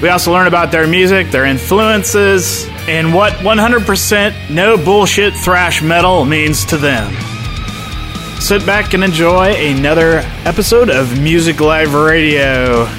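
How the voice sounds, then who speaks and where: High-voiced male radio announcer. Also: unhurried. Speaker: radio show host. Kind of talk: scripted radio introduction. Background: guitar music.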